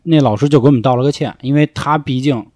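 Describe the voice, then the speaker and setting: A young man telling a story in a casual chat, swearing freely and acting out shouts from the story. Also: mid-range voice, fast, no echo. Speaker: storyteller guest.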